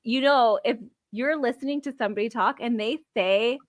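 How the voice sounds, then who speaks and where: A woman co-hosting a casual podcast, giggly and informal, with vocal fry and frequent use of "like". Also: a little high, normal speed, no room sound. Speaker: podcast co-host.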